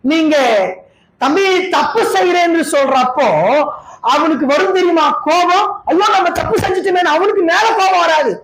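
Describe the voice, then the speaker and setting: A man preaches with a Tamil Nadu accent, his voice pitched very high. He keeps swinging from shouted bursts down to low, intense passages and throws out rhetorical questions. His voice rings through an echoey church hall. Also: moderate pace, slight background noise. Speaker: pastor. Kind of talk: sermon. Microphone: handheld or stand microphone.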